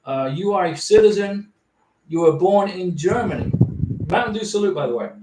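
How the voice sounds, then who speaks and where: A man with a fairly high voice hosts a casual livestream. He reads viewer questions aloud and answers them plainly. He sounds set back from the mic in an echoey room, with clear noise in the background. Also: expressive, normal speed. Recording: roomy, distant and noisy.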